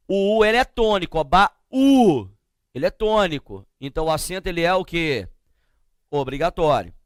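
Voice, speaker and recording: A man teaching a grammar lesson, explaining slowly and often asking the class to check they follow. He speaks with a Brazilian Portuguese accent. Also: a little high, smooth, no echo, clean studio sound. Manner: slow, drawn-out explanations with frequent checking questions.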